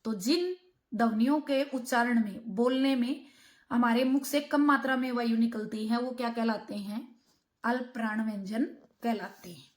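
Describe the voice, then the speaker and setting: Female grammar teacher, higher voice, asks and answers her own quiz questions. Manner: asks rhetorical questions and answers them herself; explains terms word by word, slowing on key parts. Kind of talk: exam-prep grammar lesson.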